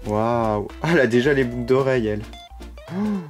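A man's voice: mid-range voice, animated, brisk. A man giving casual unboxing commentary as a toy vlogger, gushing with frequent delighted exclamations. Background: background music.

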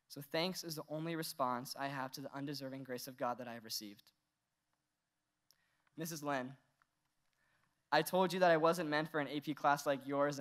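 Clear and resonant, the slightly high, bright voice of a teenage Iranian valedictorian carries from a podium mic across a large indoor stage. His graduation speech is sincere but laced with light humor and laughter.

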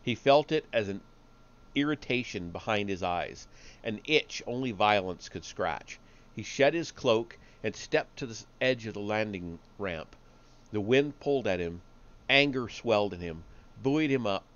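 Low-voiced man reading a story aloud. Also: a little slow, dull audio. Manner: steady reading with small slips and restarts. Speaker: streamer reading stories aloud. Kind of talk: live reading of fiction.

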